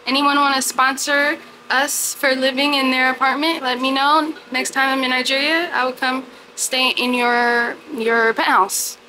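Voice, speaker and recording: A young woman vlogging casually to her viewers from a hotel room and balcony, chatty and animated, filmed on a phone held at arm's length. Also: high-pitched, unhurried, noisy background. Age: young adult. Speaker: travel vlogger. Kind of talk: casual vlog to camera. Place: hotel room and balcony at night, outdoors by a city street. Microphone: handheld phone camera at arm's length.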